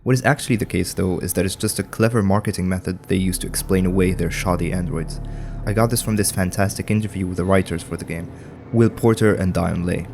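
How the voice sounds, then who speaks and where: A man with a very low voice narrates a scripted video essay. His delivery is conversational and wry, with dry asides. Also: steady tone, fast talker, vocal fry, darkish tone, a little hiss or hum.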